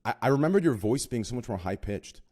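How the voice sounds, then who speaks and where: Here the host's voice sits in the mid-range, mellow yet animated, and moves at a quick clip. In a loose, chatty way he brings on guests with meandering, self-deprecating jokes full of fillers.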